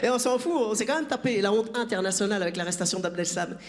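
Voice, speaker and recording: Self-mocking stand-up comic. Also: male voice, high-pitched, fast, a crowd in the background. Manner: self-mocking, chatty, teases the audience. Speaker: stand-up comedian. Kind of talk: stand-up comedy set. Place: theatre stage.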